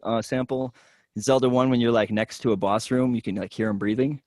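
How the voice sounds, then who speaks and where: A man's voice: mid-range voice, steady tone, brisk, darkish tone, no echo. A man chatting on a video call as a club member, sharing stories in an eager, slightly hesitant way. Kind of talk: casual chat on a video call.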